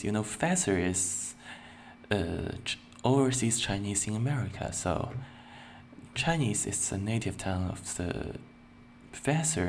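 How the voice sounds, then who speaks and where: This young man, speaking in a lowish voice over a faint hiss or hum, introduces himself as a virtual streamer. He answers questions slowly and deliberately, with playful bursts of excitement, in a casual self-introduction and Q&A.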